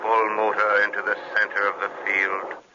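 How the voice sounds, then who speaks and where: A mechanical undead pilot, harsh and sharp. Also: male voice, lowish voice, normal speed. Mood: obedient, blank. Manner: flat, mechanical repetition of commands. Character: undead zombie pilot, obedient servant echoing orders. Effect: radio transmission. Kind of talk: old-time radio horror acting. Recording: noisy muffled old radio recording.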